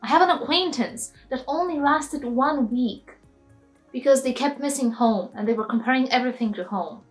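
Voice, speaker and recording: A young woman from Eastern Europe rants in an opinionated vlog, emphatic and a little preachy. Her voice sits fairly high. Faint music plays behind her. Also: normal speed, rough recording. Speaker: study abroad vlogger.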